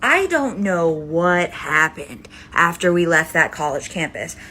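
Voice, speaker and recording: Low-pitched, pushed and bright, slightly rough, and very animated, this American woman in her twenties tells a personal story unhurriedly for her storytime video. Her delivery is casual, dramatic, and emphatic, sprinkled with "like" and curse words.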